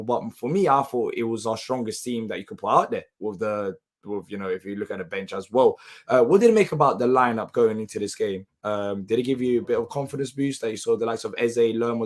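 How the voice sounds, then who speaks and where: A man hosting a live football reaction show, his voice hoarse and half lost, sounding tired. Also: mid-range voice. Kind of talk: live match reaction commentary.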